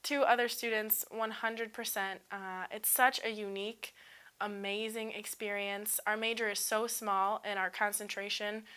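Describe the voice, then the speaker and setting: A woman's voice: mid-range voice, level tone, moderate pace, bright, forceful tone, smooth. A young woman in her twenties, a student, talking casually in an upbeat testimonial with frequent ums. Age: 20s. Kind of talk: unscripted testimonial.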